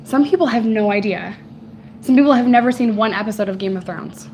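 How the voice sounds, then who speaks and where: A woman whose voice is hoarse and giving out, chatting casually and playfully with viewers as host of a live stream. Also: on the high side, brisk, darkish tone, slight background noise. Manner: playful, teasing, slangy. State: voice giving out, hoarse from recent voice loss.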